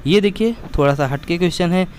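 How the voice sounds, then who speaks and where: Man, math teacher, patient and repetitive, fairly high voice, faint traffic noise behind. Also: fast, darkish tone. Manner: patient, repetitive, addresses students as beta. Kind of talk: explaining math lesson to students.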